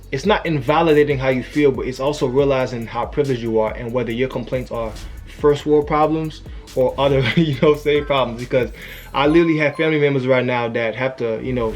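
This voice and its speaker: A young YouTuber with a mid-range, darkish voice gives an earnest, casual motivational talk to camera. His family is from Haiti and he was raised in the US. He speaks conversationally and often says "you know what I'm saying".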